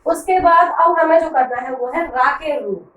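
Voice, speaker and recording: A woman's voice: sits high, normal speed, fairly bright tone, echoey room, distant mic, poor audio. A woman teacher explaining grammar to pupils, patiently asking questions and answering them herself. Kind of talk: classroom grammar lesson.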